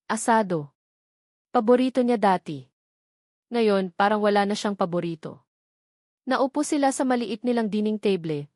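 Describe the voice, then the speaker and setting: This woman tells a scripted dramatic story with feeling, her Filipino accent coming through. Her voice sits at medium pitch and is slightly mellow, captured in a clean studio with no echo.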